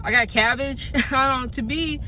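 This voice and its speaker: A young woman chatting casually through a food vlog, talkative and animated, laughing often. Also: high voice, moderate pace, slight background noise. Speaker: vlogger. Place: in her car, then at home.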